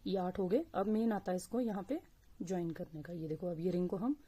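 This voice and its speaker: Husky-voiced woman teaching crochet slowly. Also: on the low side, fairly even intonation, mellow. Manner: slow, patient, counts stitches aloud. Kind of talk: step-by-step crafting tutorial.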